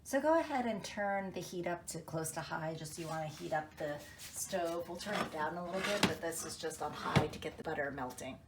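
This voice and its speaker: A woman giving a casual cooking demonstration in her home kitchen, explaining each step in an unhurried way with plenty of fillers. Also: lowish voice, heavy background noise. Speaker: home cook demonstrating a recipe.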